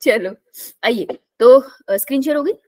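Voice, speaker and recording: A woman's voice: sits high, moderate pace, mellow, no echo. A young woman teaching a live online biology class in a casual, chatty way, telling stories and often laughing.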